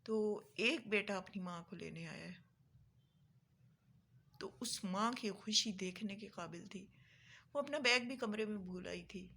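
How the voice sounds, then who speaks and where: Woman vlogger, mid-pitched, tearful and earnest, repeats herself to press the point. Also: creaky, long pauses, sharp tone. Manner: earnest, pleading, repeats phrases for emphasis. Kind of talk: emotional monologue to viewers.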